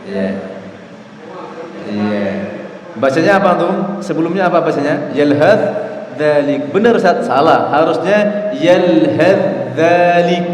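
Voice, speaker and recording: A man teaching Quran recitation to a mosque congregation, quizzing them and chanting example verses slowly. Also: on the high side, slight background noise. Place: mosque hall. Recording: echoey hall, faint ambience.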